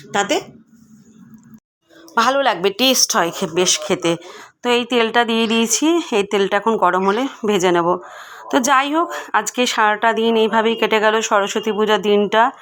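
A woman in her forties giving a chatty, homely voice-over of her cooking, addressing viewers as friends. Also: medium pitch. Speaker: vlogger.

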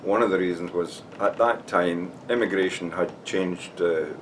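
With a low-pitched voice and a measured pace, an older man from Dumfries in Scotland talks informally to camera as a society member, steadily explaining and frequently beginning with "now" or "uh". Behind him are shelves and flags, and the distant mic picks up a noisy background.

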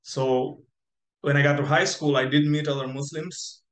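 A man's voice: a little high, level tone, normal speed, fairly bright tone. A young man who grew up in Spain, telling his story as an interview guest on a video call, rambling with many fillers and restarts. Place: bright room indoors. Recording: echoey room on video call.

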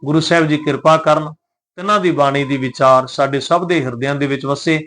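A man teaching scripture, who chants verses slowly and deliberately and then explains them word by word in a reverent, polite manner. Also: fairly high pitch, steady tone, fairly bright tone. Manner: devout and reverent, addresses listeners politely.

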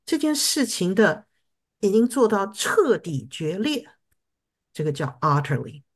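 A woman's voice: medium pitch, sing-song, measured pace. A woman teaching English vocabulary to a class, explaining patiently and often checking that students follow. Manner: patient, checks understanding with repeated questions.

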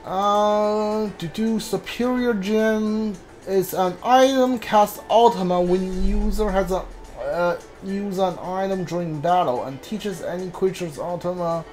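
Someone playing a video game mutters and thinks aloud in casual, hesitant, halting commentary. Their voice sits in the mid-range with a darkish tone, and faint music plays behind.

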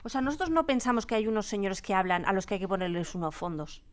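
Here the Spanish-accented woman from Spain talks fast, her clean mid-range voice full of lively intonation. An audio drama producer and sound designer interviewed in a radio drama studio, she explains with emphasis and keeps repeating words while feeling for her phrasing.

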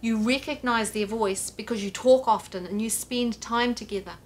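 A middle-aged woman pastor sits on her living room sofa, gesturing as she delivers an earnest, direct sermon to the camera for home church. Her voice is a little high and moderately paced, with slight background noise. The camera sits a few feet away, framing her head and shoulders.

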